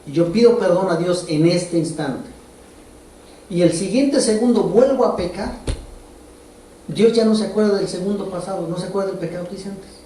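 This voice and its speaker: A man's voice: high voice, normal speed, mellow, a little hiss or hum. A man preaching a sermon as pastor, in a conversational way, putting direct questions to the congregation. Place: church hall. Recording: roomy echo from far off.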